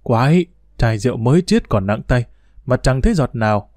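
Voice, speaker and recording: A man's voice: medium pitch, animated, fairly quick, a little mellow, dry recording, studio quality, lightly acted. A man voicing a cranky, stubborn, forgetful old grandfather who grumbles and complains. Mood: grumbling. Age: older.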